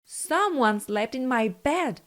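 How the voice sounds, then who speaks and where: A big, gruff father bear from a children's storybook, voiced by a woman. He growls his complaints loudly, and his speech stays slow and weighty. The voice sits fairly high for a bear. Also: lively intonation.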